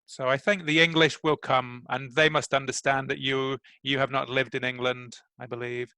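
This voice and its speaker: On a video call, a man coaches a student for an English job interview, patient and encouraging, with carefully paced explanations. His medium-pitched voice is level and normal in speed, pushed and bright yet smooth, with no echo.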